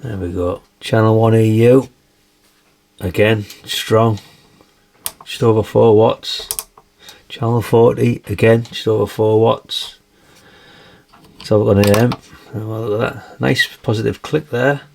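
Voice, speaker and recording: A man talks casually through a radio demonstration, his low voice gravelly and a little croaky. He chats along, asking the viewer little tag questions, and a faint hiss sits behind him. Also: steady tone, a little slow, pauses often, darkish tone. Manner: chatty, adds tag questions like "isn't it, really?". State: slightly croaky. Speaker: CB radio reviewer.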